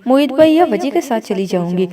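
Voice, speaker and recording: A woman's voice: high-pitched, expressive, a little fast, a crowd in the background. A woman reading aloud, voicing a playful young woman who teases her friend with affection. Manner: teasing, affectionate.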